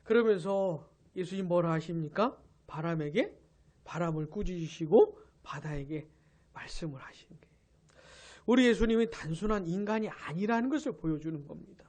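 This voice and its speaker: A woman pastor preaching a New Year's Eve sermon. She tells the story with animation, asks the congregation questions and answers them, and drops to a hush for emphasis. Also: fairly low pitch, lively intonation, normal speed. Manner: drops to a hush for emphasis, then rises again.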